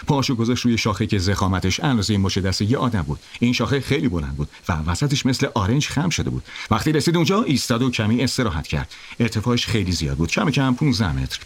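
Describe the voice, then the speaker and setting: Lively male storyteller. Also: fairly low pitch. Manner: expressive, dramatic reading. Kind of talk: audiobook story narration.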